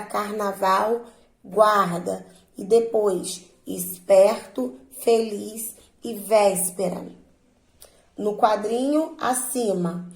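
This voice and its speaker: A woman teacher slowly and patiently walking her students through a worksheet, drawing out words to stress their syllables. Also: medium pitch, roomy sound, poor audio. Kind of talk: remote lesson walking students through exercises.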